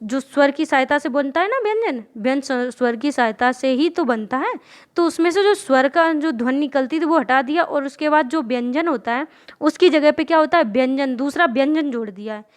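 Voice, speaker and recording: A woman's voice: sits high, lively intonation, brisk. A young woman teaching a grammar lesson, repeating examples and often asking the class questions to check they follow. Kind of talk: explaining a Hindi grammar lesson.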